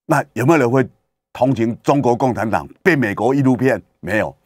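In a radio studio, a male talk show host delivers an opinionated political monologue at a fairly quick pace. His medium-pitched voice is recorded with studio quality and no room sound, and he is animated and emphatic, firing off rhetorical questions and acting out the voices he quotes.

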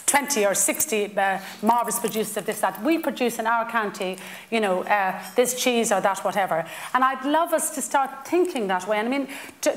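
Older woman, panel talk, hesitant fillers, higher voice, roomy hall echo. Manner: passionate, hesitant with many fillers. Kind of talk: panel discussion. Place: indoor conference stage.

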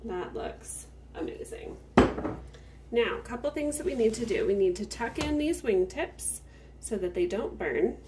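A woman's voice: fairly high pitch, expressive, unhurried, recorded from a distance, heavy background noise. A woman hosting a cook-with-me video, explaining each step at an easy pace while she works in her home kitchen. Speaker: home cook, farmstead channel host. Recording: roomy kitchen sound from off-mic.

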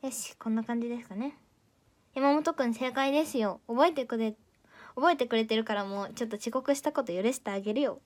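A teenage girl with a Kansai Japanese accent chats casually on a livestream, reading out viewer comments. She teases her viewers playfully in a voice pitched a little above average. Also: fairly quick. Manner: playful and teasing, chatty. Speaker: idol audition candidate streaming live.

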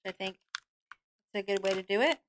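A middle-aged woman giving a casual product review to camera, speaking informally and haltingly into a desk microphone. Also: medium pitch, noisy background. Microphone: desk microphone close in front, seen.

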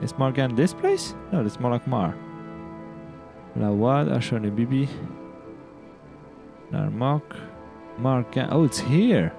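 A man's voice: mid-range voice, gravelly, warm tone. A man hosting a video game let's play, chatting casually and rambling, tripping over his words in a giddy, upbeat mood. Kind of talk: casual gameplay commentary.

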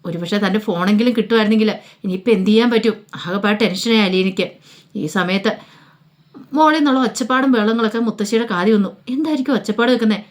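A woman narrating a dramatic story in a casual, colloquial way. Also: mid-range voice. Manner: rapid, casual retelling.

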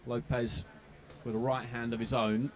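A man giving live boxing commentary in conversational, analytical, measured phrases. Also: mid-range voice, level tone.

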